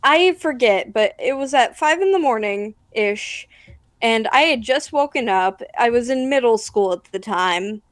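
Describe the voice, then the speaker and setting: A young woman co-hosting a podcast, chatting casually with quick asides. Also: a little high, expressive, no echo, clean studio sound. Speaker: podcast co-host. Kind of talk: casual chat. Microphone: computer mic on a voice call.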